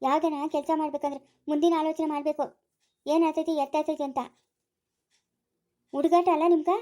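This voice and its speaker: A woman with a Chikkaballapura Kannada accent, loudly scolding in a rural family skit. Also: sits high, level tone, fairly quick. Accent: Kannada, Chikkaballapura area. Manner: loud scolding village dialect.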